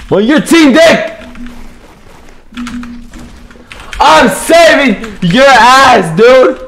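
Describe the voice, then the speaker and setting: A young man giving profane, trash-talking commentary while he plays a game, often jumping into high yelps. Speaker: gamer and video creator. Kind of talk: live gameplay commentary.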